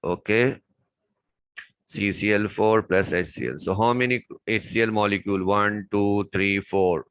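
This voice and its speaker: Guy with going thru chem exam answers, lowish voice, super dry close sound. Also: steady tone, a little slow, fairly bright tone, smooth, no room sound, low-quality recording. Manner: explains step by step, repeats key words. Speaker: chemistry tutor. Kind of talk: exam paper walkthrough lesson.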